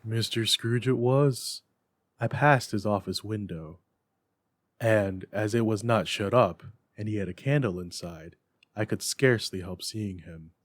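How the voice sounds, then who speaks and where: A man's voice: on the low side, unhurried, dry recording. A man playing a cheerful husband sharing gossip with his wife in a dramatic storybook reading. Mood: fond, gossipy.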